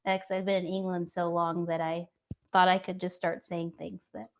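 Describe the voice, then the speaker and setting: A woman's voice: lowish voice, flat delivery, moderate pace. A woman from Texas with a Texan accent, co-hosting a casual, enthusiastic chat over a video call. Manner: chatty, enthusiastic, self-mocking. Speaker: co-host.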